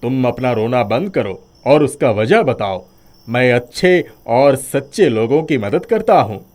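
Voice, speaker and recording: An actor voicing a kind male magic bamboo spirit in an animated storybook, speaking calmly and reassuringly. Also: mid-range voice, a little slow, natural voice. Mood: calm, kindly.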